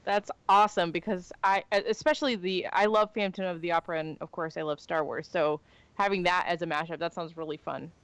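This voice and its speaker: A woman co-hosting a podcast, telling stories in an animated, chatty way. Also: lowish voice, a little fast, clear, resonant tone, no room sound. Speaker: podcast co-host. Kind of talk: casual chat.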